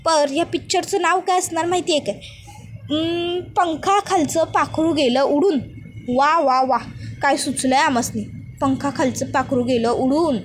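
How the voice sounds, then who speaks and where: A woman's voice: high-pitched, unhurried, slight background noise. A woman doing a gloating village elder man. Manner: gloating, mocking.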